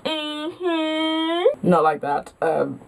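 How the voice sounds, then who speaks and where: A woman's voice: mid-range voice, expressive, measured pace. A young woman vlogging, telling stories in a chatty, self-mocking way with lots of filler words. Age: young adult. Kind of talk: casual storytelling to camera.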